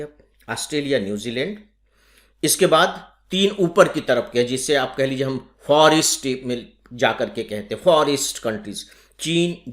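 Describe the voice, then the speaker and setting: A man from India gives an exam-prep lecture in a mid-pitched voice. He explains step by step, asks rhetorical questions and slows down to stress key terms. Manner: lively emphasis, slowing down on key terms. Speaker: teacher.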